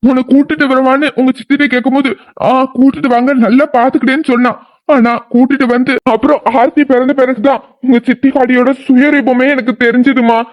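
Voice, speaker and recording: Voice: sits high, flat delivery, fairly quick, lo-fi sound, lightly acted. A voice actor playing a remorseful middle-aged father in a cartoon drama, lamenting and blaming himself. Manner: lamenting, self-blaming, then angry.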